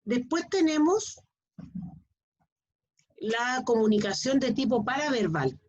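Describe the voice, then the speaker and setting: Husky woman teaching online. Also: fairly high pitch, expressive, slow, a little mellow. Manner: explains with frequent checking questions. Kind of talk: online class lecture. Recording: dull lo-fi online class audio.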